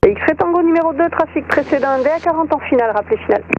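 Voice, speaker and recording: A woman air traffic controller giving procedural clearances and traffic information over an aviation radio. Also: high-pitched, animated, very fast, muffled recording. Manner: procedural phraseology.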